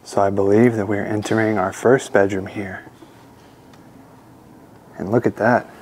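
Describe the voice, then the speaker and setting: A young man casually narrating a walkthrough of an empty mansion, talking to his viewers with excitement. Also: lowish voice, measured pace, a little hiss or hum. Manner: excited, addresses viewers as guys. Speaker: urban explorer vlogger. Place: large empty mansion indoors.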